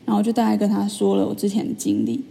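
A young woman chats through a story for her vlog, full of fillers and animated asides. Her voice is mellow and husky with a gravelly edge of fry. A long reverb trails after her words. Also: medium pitch, racing. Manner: chatty, animated retelling with many fillers. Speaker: vlogger. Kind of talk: casual storytelling monologue.

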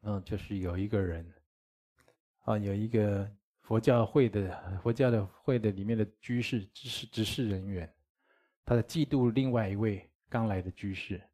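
A man's voice: lowish voice, normal speed, dark tone. A man giving a dharma lecture as a Buddhist teacher, speaking conversationally, chuckling and asking his listeners rhetorical questions.

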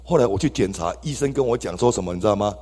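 A man's voice: fairly low pitch, animated, rapid-fire, dark tone, slightly rough. A man with a Taiwanese Mandarin accent giving an exclamatory testimony to a church congregation, addressing the listeners directly. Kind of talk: testimony sermon. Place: church hall. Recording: reverberant church hall.

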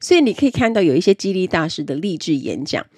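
A woman's voice: fairly low pitch, big pitch swings, fast, darkish tone, slightly rough, no echo, studio quality. A woman presenting an instructional talk on speaking skills, explaining step by step and stressing key words in her lists. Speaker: self-improvement presenter.

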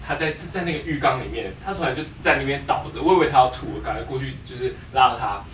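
A man's voice: medium pitch, fast, a bit bright. A man, co-hosting a casual podcast chat, telling stories with laughs and acting out quotes. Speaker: podcast co-host. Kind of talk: casual chat among friends. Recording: echoey room, distant mic, noisy.

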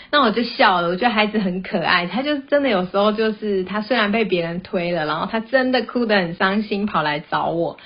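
Breathy woman chatting gently. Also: mid-range voice. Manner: gentle, chatty, tells personal anecdotes. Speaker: parenting podcast host and mother. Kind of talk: casual podcast monologue. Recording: dull, slightly lo-fi sound.

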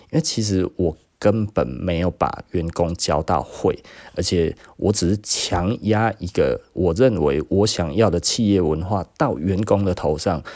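Host: Taiwanese Mandarin man in his 40s, low and warm voice, dry close sound, chatty storyteller who laughs a lot. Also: no echo. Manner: chatty, laughs often, acts out quotes. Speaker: podcast host and business owner. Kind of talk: casual storytelling monologue.

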